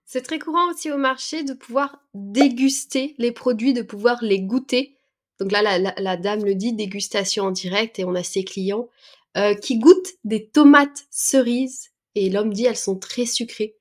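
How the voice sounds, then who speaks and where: A woman teaching a French lesson, patiently explaining words and expressions step by step, with small hesitations as she goes. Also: fairly high pitch. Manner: patient, breaks words down slowly with fillers.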